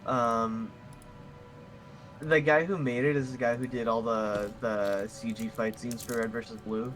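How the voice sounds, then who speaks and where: Man, rambling casual chat, lots of restarts, playful swearing, mid-pitched voice, faint music behind. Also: fairly even intonation, measured pace, a bit bright, poor audio. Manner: rambling, full of restarts and fillers. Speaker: tabletop game player. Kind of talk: casual chat among players on a live stream.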